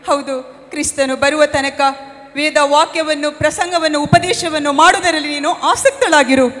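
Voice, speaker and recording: A woman's voice: sits high, moderate pace, a bit bright. A woman playing a devout mother in a church stage skit, wailing and lamenting, then preaching to her daughter. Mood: admonishing. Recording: echoey hall, stage mic.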